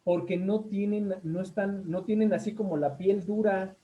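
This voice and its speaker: A man's voice: high voice, fairly even intonation, normal speed, highs cut off. A man with a Mexican accent, a school counselor giving a talk from slides, speaking conversationally with many fillers and checking in with listeners often. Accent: Mexican Spanish.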